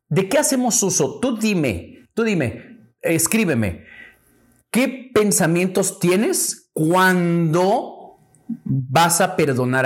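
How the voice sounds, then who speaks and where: Male host, slightly high voice, direct conversational teaching tone. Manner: conversational, addresses listener directly, repeats phrases. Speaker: podcast host and spiritual teacher. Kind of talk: teaching talk on forgiveness.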